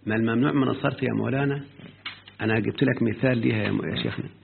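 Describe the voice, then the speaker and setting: Fast gravelly Egyptian sheikh teaching grammar. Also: male voice, medium pitch, a little hiss or hum. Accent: Egyptian Arabic. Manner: keeps checking the listener has understood. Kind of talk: explaining a grammar book to a student. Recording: lo-fi phone-like recording.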